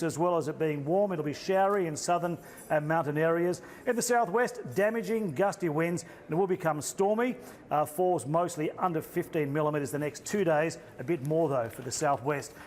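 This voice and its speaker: A man with an Australian accent presenting a TV weather forecast from an outdoor location, in a playful, jokey way. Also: fairly high pitch.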